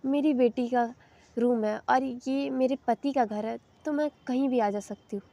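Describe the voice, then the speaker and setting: A woman voicing a caring middle-aged mother who gently lectures her grown daughter in a soft, motherly way. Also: on the high side, fairly even intonation, a little slow. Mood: scolding.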